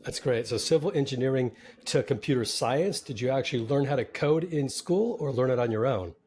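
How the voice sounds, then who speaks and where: A man hosts a startup podcast and chats upbeat with a founder he's interviewing, moving from a scripted opening into a conversational exchange. He speaks briskly at a medium pitch, his voice a little mellow and slightly rough.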